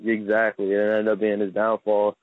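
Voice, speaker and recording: Twenties rapper from Maryland, low flat voice over a tinny phone line, laid-back. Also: male voice, fairly quick, no room sound. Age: 20s. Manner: laid-back and modest, leans on "like" and "I mean". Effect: heard over a phone line. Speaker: rapper, interview guest. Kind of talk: casual phone interview.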